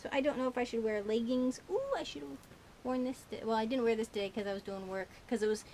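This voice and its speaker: A vlogger with a slightly high, darkish voice rambles fast to camera about her shopping haul, giggling and piling on "like" and "you know." Her tongue is a bit burnt, blurring a few words, and she keeps a steady tone over a faint hiss.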